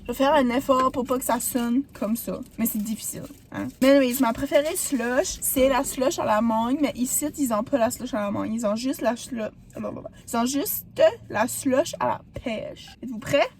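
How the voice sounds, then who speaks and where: A young woman with a Quebec French accent, hoarse from a sore throat, chatting and rambling in a casual vlog with lots of fillers. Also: on the high side, normal speed, few pauses, a little hiss or hum. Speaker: vlogger.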